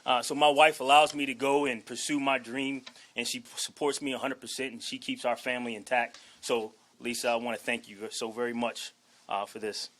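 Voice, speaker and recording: A man's voice: medium pitch, steady tone, fairly quick, fairly bright tone, a little hiss or hum. A man from Washington, D.C., in his forties, a new head football coach giving an earnest, emphatic introductory speech and often tagging lines with "okay?". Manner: emphatic, punctuates with "okay?" and "all right?"; earnest, holding back emotion. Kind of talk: introductory press conference speech.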